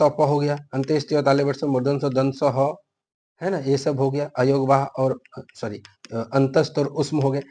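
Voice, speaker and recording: A man's voice: medium pitch, a little mellow. A man teaching a grammar lesson for an exam, explaining step by step and answering his own questions.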